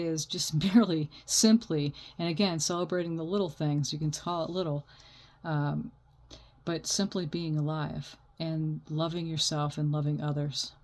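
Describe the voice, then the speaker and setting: A woman with a voice that sits low gives an unscripted oracle card reading like a fortune teller, speaking in a reassuring, spiritual way.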